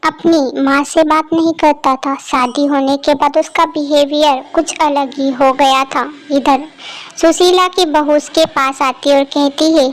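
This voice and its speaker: A woman narrating a scripted cartoon moral story. Her voice sits high and stays level, with a plain storytelling delivery. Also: steady tone, a little slow.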